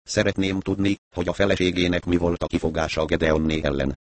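A man voicing a calm male investigator who asks probing, reasoning questions in an audiobook. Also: deep voice, a little hiss or hum, natural voice.

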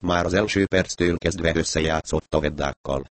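Male audiobook narrator, deep and dry, carries the characters' dialogue himself. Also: no echo.

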